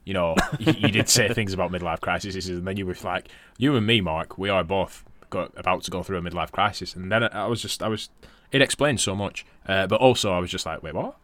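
A man's voice: low voice, a little fast, few pauses, a bit bright. A man co-hosting a podcast in casual chat, laughing often and swearing. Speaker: podcast co-host.

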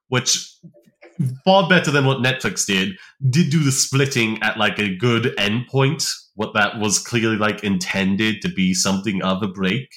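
A man co-hosting a podcast, chatting casually with lots of fillers and quick rambling bursts. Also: mid-range voice, a bit bright. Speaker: podcast co-host. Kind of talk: casual chat.

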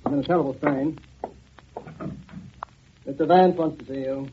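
A man's voice: fairly high pitch, steady tone, moderate pace, slightly rough. An actor playing a nervous wealthy older father, fretful and strained, in 1940s radio acting, on a tinny old radio broadcast. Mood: anxious. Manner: anxious, fretful. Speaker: wealthy estate owner and father.

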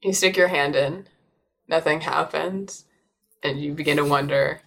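A woman acting as game master, narrating a tabletop role-playing game in a relaxed, descriptive way with fillers. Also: low voice, a little slow, creaky.

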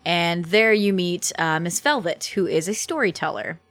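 A woman's voice: on the low side, moderate pace, a bit bright, no echo. A young woman voice actor chatting as a podcast guest, laughing often and restarting her sentences. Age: young adult. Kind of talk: casual podcast interview.

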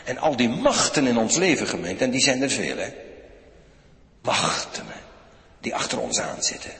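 A man preaching a sermon to his congregation, animated and direct, often turning to the listeners. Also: medium pitch, moderate pace, gravelly. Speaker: pastor. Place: church. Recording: echoey church hall.

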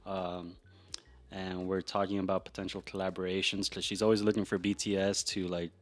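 A man hosting a podcast, talking in a relaxed, rambling way with frequent restarts. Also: deep voice, a little fast. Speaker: podcast host. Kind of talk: casual podcast chat.

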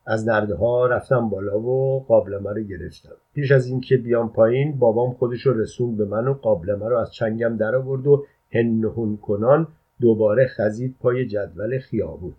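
A man narrating a literary short story as an audiobook, telling it in a plain, measured way. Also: mid-range voice, husky. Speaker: audiobook reader. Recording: dull lo-fi recording.

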